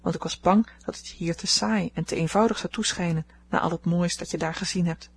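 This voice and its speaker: A woman voicing a gentle loving mother. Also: on the low side, fairly even intonation, brisk, a little hiss or hum, natural voice. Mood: tender.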